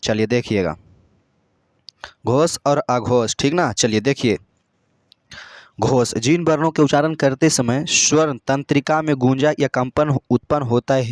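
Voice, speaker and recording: Male teacher, mid pitch, call-and-response drilling, dry room. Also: no room sound. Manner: repetitive call-and-response questioning; coaxing students with pet names. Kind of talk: grammar lesson lecture.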